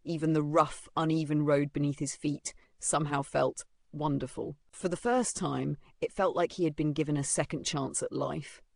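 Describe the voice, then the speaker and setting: A narrator telling a story recap with dramatic, halting phrasing, close on a dry mic. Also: medium pitch, fairly even intonation, vocal fry, no echo.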